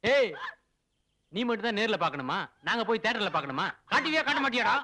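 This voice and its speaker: An actor playing a rowdy, teasing young man in a film comedy, loud and rapid-fire. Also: sits high, sing-song, full character voice.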